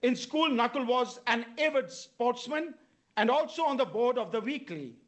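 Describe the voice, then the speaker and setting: A man with an Indian accent reading formal scripted introductions as master of ceremonies at a debate, in a measured way. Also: very high-pitched, animated.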